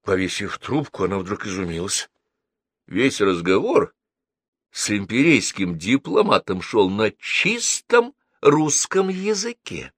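A male audiobook reader telling a story with lively, sweeping intonation and a wry, ironic touch. The recording is dry and close, with no room sound. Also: on the low side, takes it slowly, no room sound. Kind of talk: scripted narration.

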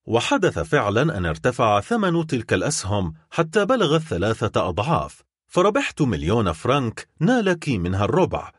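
A stern, accusing baron with a cold and bitter edge, as a male narrator reads him. The voice is husky and lively, swinging widely in pitch. It sounds dry and close, with no room around it. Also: no room sound. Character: scheming wealthy middle-aged baron, cold and bitter.

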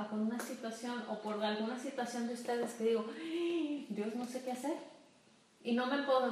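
A middle-aged woman gives an informal church talk to a group of women. She teases her listeners and keeps checking in with them, in a voice a bit higher than most women's. The sound is very echoey, with faint noise in the room. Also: recorded from a distance. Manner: lively, teasing, asks "¿sí?" often.

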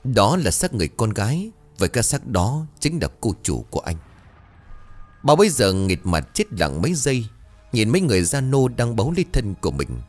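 A man narrating a ghost story in a dramatic, expressive storytelling style. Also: mid-range voice, a little fast, soft background music.

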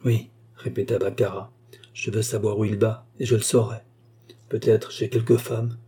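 A man's voice: fairly low pitch, little pitch movement, normal speed, dark tone, husky. A man reading the part of a proud, jealous young courtesan in an audiobook, with haughty, passionate delivery.

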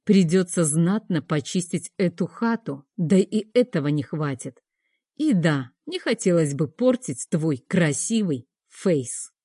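Coarse thuggish gang boss, menacing, dark low voice, dry close sound, audiobook villain, as a woman reads him. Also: lively intonation, measured pace, slightly rough, dry recording. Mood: threatening. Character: crude thuggish male gang leader, threatening.

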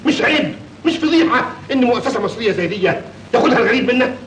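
A man's voice: very high-pitched, animated, very fast, fairly bright tone, reverberant, a little hiss or hum, low-quality recording. An actor playing a proud, fatherly Egyptian factory-owning bey, speaking emphatically in Egyptian Arabic, from an old film soundtrack. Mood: indignant. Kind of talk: 1940s film acting.

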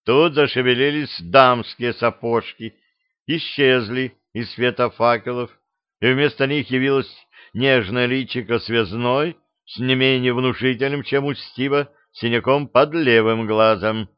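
Smooth-voiced male audiobook narrator. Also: medium pitch, a little slow, dry recording. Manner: even, storytelling. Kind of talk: scripted narration. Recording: slightly dull dry recording.

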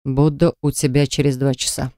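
A woman voicing a tense young husband who talks in a low, strained growl. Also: steady tone, a little fast, creaky, a little mellow, no echo, studio quality. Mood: pleading.

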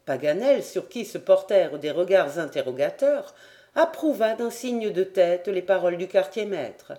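An audiobook narrator reading a classic adventure novel aloud, steady and clear. The voice sits in a middle register and keeps an even, unhurried flow between the characters' lines. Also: medium pitch.

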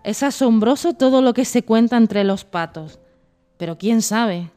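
A woman voicing Death as a calm, gentle female figure in a storybook reading. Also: a little high, clean tone, faint music behind, voice pushed up, natural voice. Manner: calm, unhurried.

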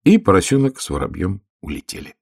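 A man narrating a storybook in an expressive, storytelling manner. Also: low voice, quick pace, vocal fry.

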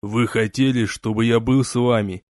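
A man reading an audiobook, voicing a shy, embarrassed young man who speaks slowly and hesitantly. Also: mid-range voice, steady tone, a little mellow, no room sound, clean studio sound, lightly acted. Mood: sheepish.

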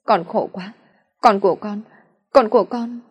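A woman's voice: mid-range voice, fast, slightly rough, voice pushed up. A woman narrator voicing a grieving young woman who pleads tearfully with her dead grandmother. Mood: sobbing.

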